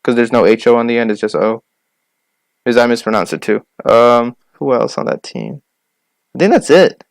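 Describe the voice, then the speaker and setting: Young male podcast co-host, smooth clear voice, dry close sound, rattles off names. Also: medium pitch, lively intonation, no echo. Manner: listing names quickly, argumentative. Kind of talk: casual sports chat.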